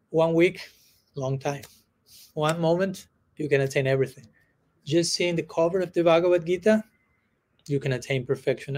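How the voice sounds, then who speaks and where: Gentle, chuckling man teaching to a group. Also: on the high side. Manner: gentle, unhurried storytelling with frequent chuckles and "no?" asides. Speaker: spiritual teacher. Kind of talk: informal dharma talk to a live group.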